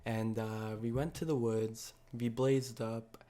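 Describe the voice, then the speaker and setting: A man's voice: mid-range voice, steady tone, slow, dark tone. A young man casually telling a story to his viewers, with heavy slang and constant swearing. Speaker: vlogger.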